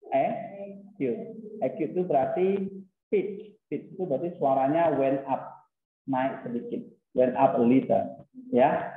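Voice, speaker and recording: A man teaching a lesson in a casual way, explaining step by step and dropping in English terms. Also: mid-range voice. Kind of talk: casual classroom lecture. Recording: tinny phone-like, roomy echo.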